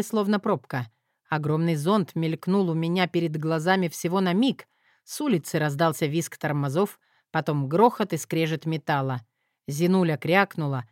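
Woman narrating an audiobook, lowish voice, dry close sound. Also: dry recording. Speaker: audiobook reader. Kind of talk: scripted first-person narration.

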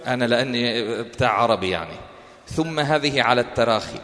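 A man with a Levantine accent leads an interactive religious lesson in everyday speech. He often throws questions to his listeners and answers them himself. His mid-pitched voice rings with long reverb from a lecture hall. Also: expressive, fairly quick, a bit bright. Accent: Levantine Arabic. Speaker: Quran course teacher.

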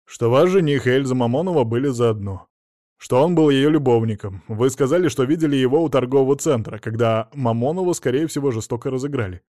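A man's voice: mid-range voice, brisk, mellow, no room sound, clean studio sound, natural voice. A man reading an audiobook, voicing a curt, irritated investigator on the phone. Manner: curt and sour.

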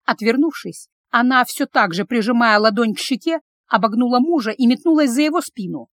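A woman's voice: on the high side, animated, fairly quick, fairly bright tone, dry recording, clean studio sound. A woman narrating a dramatic audiobook story with emotion.

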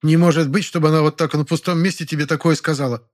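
A man's voice: fairly high pitch, fairly even intonation, fast talker, voice pushed up, lightly acted. A man putting on a bossy older woman. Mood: prying. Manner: pushy, demanding.

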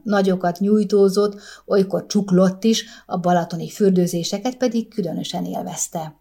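A woman narrating a short story as an audiobook, in a calm, measured, gentle way. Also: lowish voice.

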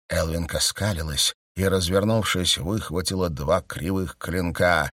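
A man with a low voice reads a fantasy story aloud in a steady, measured storytelling manner. The recording is dry and close, with no room sound. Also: no room sound. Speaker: audiobook narrator. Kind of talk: scripted fantasy narration.

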